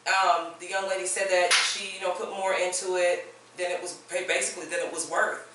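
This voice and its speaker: A man's voice: high-pitched, level tone, fairly quick. A man co-hosting a panel talk show, earnestly giving relationship advice. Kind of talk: casual panel discussion. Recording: echoey room from far off, faint noise.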